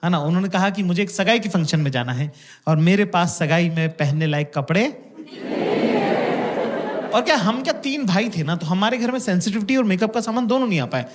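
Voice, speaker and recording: Man in his thirties, high-pitched stand-up comedian, live stage mic with heavy crowd noise. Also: lively intonation, brisk. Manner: storytelling, acts out parents' voices. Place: stage before a laughing audience.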